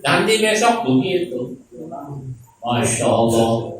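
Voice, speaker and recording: A man's voice: mid-range voice, slow, slight background noise. A man preaching a humorous sermon in a prayer hall, talking in a colloquial, joking way and trading calls with his audience. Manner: joking, colloquial, lively call-and-response with the audience. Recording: echoey hall, voice from far off.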